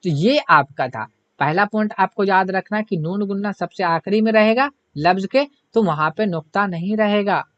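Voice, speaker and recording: High-voiced man quizzing his class. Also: a bit bright, no room sound, dull audio. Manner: asks the class questions and answers them himself; repetitive, keeps adding "hai na". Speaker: Urdu grammar teacher. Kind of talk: online grammar lesson.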